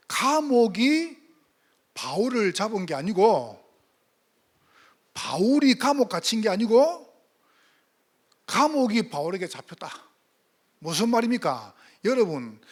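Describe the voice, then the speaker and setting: High, animated Korean-speaking preacher man. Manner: emphatic, rhetorical questions, swings from loud to hushed. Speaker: pastor. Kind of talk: sermon.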